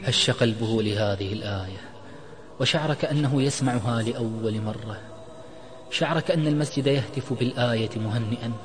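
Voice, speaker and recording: A male narrator reads a scripted moral story in a measured, dramatic way. His mid-range voice is bathed in long reverb. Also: mid-range voice.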